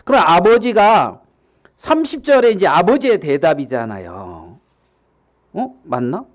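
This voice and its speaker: Male pastor preaching a sermon, fairly high voice, very lively and slow, quizzes the congregation. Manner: animated, acts out quotes, asks the audience questions.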